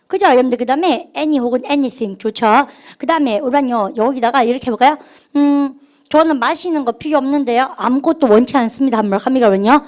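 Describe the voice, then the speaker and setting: A woman teaching an English grammar lesson in an energetic, call-and-response classroom manner. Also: sits high. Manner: energetic, drills students with call-and-response prompts. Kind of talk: lively classroom lecture.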